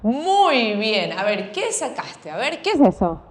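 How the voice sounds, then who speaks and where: Brief: lively woman teaching kids, high voice, swooping storytelling. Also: takes it slowly. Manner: animated, questioning the kids. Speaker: children's Sunday school teacher. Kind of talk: storytelling to children.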